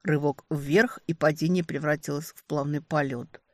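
Woman reading expressive fantasy romance. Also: low voice, moderate pace, no echo. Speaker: audiobook narrator. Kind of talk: first-person romantic fantasy narration.

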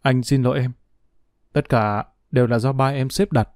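A man's voice: medium pitch, steady tone, moderate pace, darkish tone, no echo, studio quality, natural voice. A man voicing a young man who apologizes with a choked voice, in a storybook reading. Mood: remorseful. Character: remorseful young man, pleading father.

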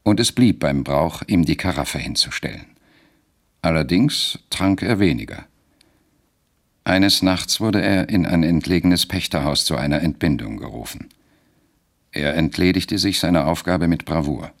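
A man narrating a radio drama in a measured, deliberate storytelling manner. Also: sits low, lively intonation.

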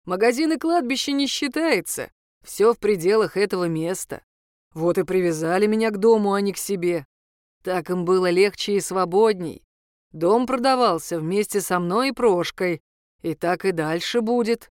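A woman's voice: medium pitch, normal speed, darkish tone, no echo, clean studio sound. A woman narrating a story in the first person as an audiobook, in a wry, conversational manner.

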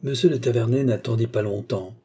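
A man narrating a classic novel in a measured, even storytelling manner. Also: medium pitch, husky. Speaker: audiobook narrator. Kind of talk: scripted narration.

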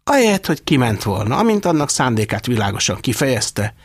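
A man narrating an audiobook in a wry, expressive storytelling manner. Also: mid-range voice, breathy edge, no room sound, studio quality. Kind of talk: scripted narration.

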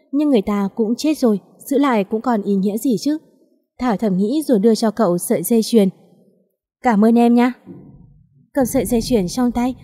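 A woman reading an audio story in a calm, steady voice. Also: on the high side. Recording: long reverb.

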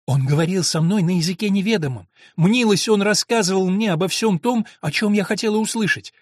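A man voicing an innocent, trusting young girl in an audiobook, speaking softly and earnestly in a raised voice. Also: sits high, fairly quick, dry recording, studio quality. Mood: tender, earnest. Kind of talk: audiobook reading.

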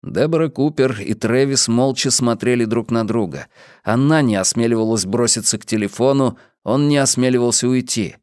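Guy reading a dark novel, tense and dramatic, very dry sound. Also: mid-range voice, moderate pace, no room sound. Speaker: audiobook reader. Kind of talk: scripted narration.

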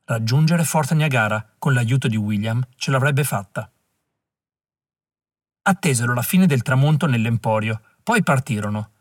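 A male audiobook narrator reading with measured, dramatic pacing. His voice has a husky grain, recorded dry and close with no room sound. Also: medium pitch, animated, no room sound. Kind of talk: scripted narration.

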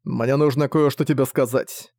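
A man's voice: a little high, a little fast, darkish tone, dry recording, lightly acted. A man voicing a determined young prince who speaks in an earnest, resolute way. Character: determined young prince fighting his brother.

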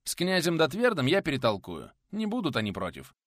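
A man's voice: fairly high pitch, wildly swooping pitch, fairly quick, no room sound, studio quality, voice pushed up. A man voicing a stubborn, grumpy elderly teacher with curt replies. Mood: earnest.

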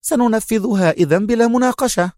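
A man voicing a proud, sharp-tongued young woman agent in an audiobook, speaking in a teasing, brisk way. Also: sits high, animated, dry recording, clean studio sound, voice pushed up. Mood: firm.

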